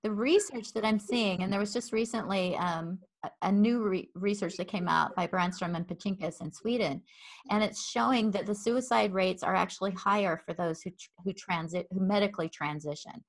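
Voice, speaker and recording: An adult woman with a child hosts an interview, speaking in a mid-range voice at normal speed. She's earnest and wordy, with frequent ums and repeated words.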